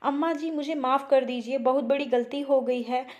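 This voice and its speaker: A woman reading the lines of a proud, quick-tempered young wife, in an emphatic, pleading way. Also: high-pitched, steady tone, a little mellow, lo-fi sound, lightly acted. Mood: remorseful.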